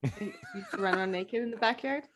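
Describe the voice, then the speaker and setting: A woman's voice: medium pitch, fast talker, a bit bright, slight background noise. A woman co-hosting a podcast, dry and teasing in casual chat.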